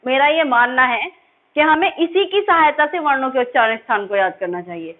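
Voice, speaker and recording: A woman's voice: high-pitched, lively intonation. Woman teacher drilling sounds, tinny audio. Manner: drills sounds slowly, asks and answers her own questions. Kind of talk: classroom lesson.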